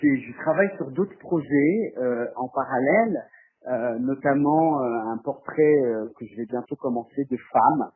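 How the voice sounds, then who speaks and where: This is a man from France, a documentary filmmaker, responding to interview questions without preparation. He speaks a bit slowly in a husky, mid-range voice, hesitating and repeating words as he searches for expressions, all through a muffled, phone-quality band.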